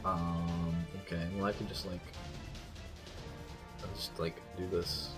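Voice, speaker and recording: A man streaming a story game and commenting casually, reacting excitably and swearing often. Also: deep voice, slow pace, faint music behind.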